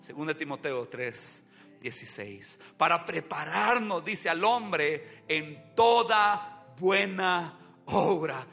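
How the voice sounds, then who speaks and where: High bright-voiced animated preacher man. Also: takes it slowly, vocal fry, faint music behind. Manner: animated preaching, swings from soft to shouting. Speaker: pastor. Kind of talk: sermon.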